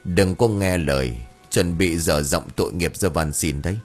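Man voicing female exorcist, stern, measured, husky, low, faint music. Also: animated. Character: stern young female exorcist, calm and firm. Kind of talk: audiobook character voice.

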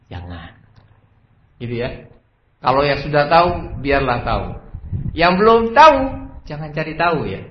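Animated preacher, echoey lo-fi room. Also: male voice, medium pitch, a little hiss or hum. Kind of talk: religious lecture. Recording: echoey room, dull lo-fi sound.

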